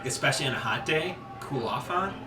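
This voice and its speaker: A man's voice: on the high side, expressive, fairly quick, loud music behind the voice. A man co-hosting a live stream in casual chat, recorded roomy and away from the mic with noise behind him. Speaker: co-host running a live stream.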